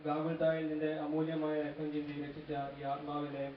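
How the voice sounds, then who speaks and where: A man leading funeral prayers, reciting steady chanted intercessions. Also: on the high side, brisk. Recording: distant, echoey, dull recording with faint noise.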